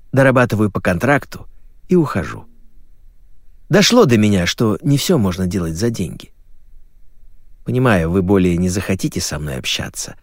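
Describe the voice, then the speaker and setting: A man's voice: on the low side, dry recording, clean studio sound. A man voicing a remorseful man who bluntly confesses. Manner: plain-spoken, confessional.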